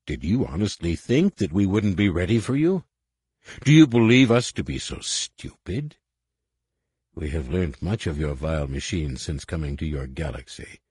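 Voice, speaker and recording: A man's voice: low-pitched, expressive, a little mellow, breathy edge, no room sound, clean studio sound, heavily acted. A man doing a hissing, sneering alien warlord. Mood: contemptuous. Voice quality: hissing, slow and menacing. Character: cold, sneering alien warlord in disguise, cruel and contemptuous.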